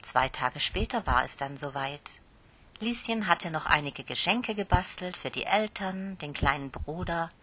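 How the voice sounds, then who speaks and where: A woman reading a children's story aloud in a calm, slow manner. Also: deep voice, husky. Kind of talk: storybook narration.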